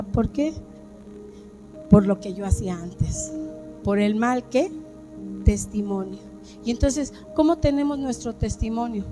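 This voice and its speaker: A woman pastor preaching a sermon, asking the congregation questions and acting out the dialogue of an anecdote. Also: mid-range voice. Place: church.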